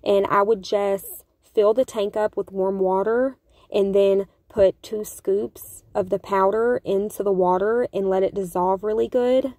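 Unhurried and fairly even in intonation, a woman home vlogger with a mid-range voice chats warmly to her viewers, whom she calls "you guys." Her voice-over has soft background music and clean studio sound with no room noise.

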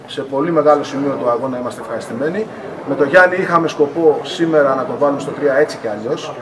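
A middle-aged man, a national team coach, giving measured post-game remarks to reporters at an arena press wall. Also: mid-range voice. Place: arena press area in front of a sponsor wall. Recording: noisy arena press area.

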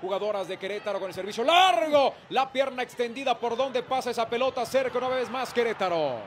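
A man with a Mexican accent doing play-by-play football commentary, with emphatic, excited goal calls. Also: very high voice, brisk. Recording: clear stadium noise behind commentary.

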